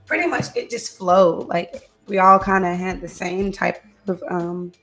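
Woman host, hoarse and nearly voiceless, slangy casual chat, roomy sound with music behind. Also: lowish voice, a little slow, fairly bright tone. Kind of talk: casual co-hosted chat show.

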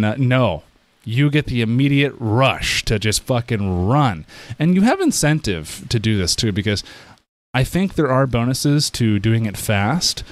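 A man in casual chat explaining how something works, excitable, often restarting his sentences and acting out quoted reactions. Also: mid-range voice, dry recording.

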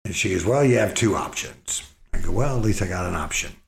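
Middle-aged man, low gravelly voice, slow folksy rambling storyteller, echoey room. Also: expressive. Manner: folksy, rambling with repeated words. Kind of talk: casual storytelling.

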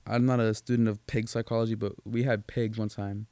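This young podcast co-host has a fairly low, flat voice that moves fairly quickly, with a mellow, clear, resonant tone and no echo. He tells stories in a casual, rambling, profane way, full of restarts and fillers.

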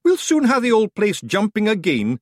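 A man's voice: high voice, huge pitch swings, normal speed, dry recording, clean studio sound, pitched above the performer's own voice, full character voice. A man voicing a tiny, boisterous male fairy warrior leader with a Scottish accent and blunt, rousing dialect speech in a storybook reading. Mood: defiant.

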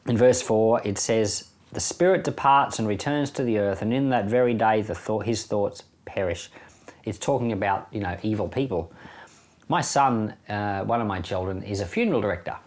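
A middle-aged pastor, Australian-accented, hosts a Bible podcast and comments informally in an everyday, conversational manner, chuckling here and there. His lowish voice is a little mellow and moves at a moderate pace.

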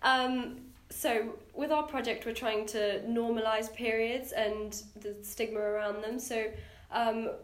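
A woman with a fairly high voice asks guests brief, polite interview questions for a project. Her voice sounds roomy and echoey. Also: steady tone, a little slow. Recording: echoey room.

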